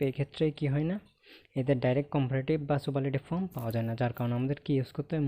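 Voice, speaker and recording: In an online English grammar class, a Bangladeshi-accented man with a mellow mid-range voice asks his students questions and supplies the answers himself. He repeatedly checks in by closing his points with "okay?".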